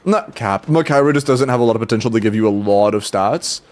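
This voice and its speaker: A young man with a lowish voice talks fast over slight background noise as he streams a game. His casual viewer chat sounds stuffy and congested, rambling with restarts, casual swearing and laughs.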